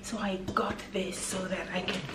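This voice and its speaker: A woman's voice: medium pitch, fairly even intonation, normal speed. A woman chatting casually through a grocery haul at home, sometimes dropping to a whisper. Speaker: vlogger. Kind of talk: casual shopping haul chat. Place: home kitchen. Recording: echoey room, far from mic, background noise.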